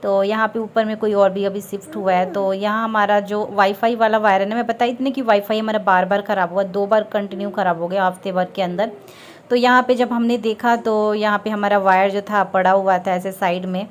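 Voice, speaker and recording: A woman's voice: medium pitch, rough recording. Woman, Indian accent, casual vlog chat, rambling, unwell, faint background noise. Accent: Indian Hindi. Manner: chatty, rambling, addresses viewers directly. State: unwell, low-energy. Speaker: family vlogger. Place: in a car, then on a rooftop outdoors.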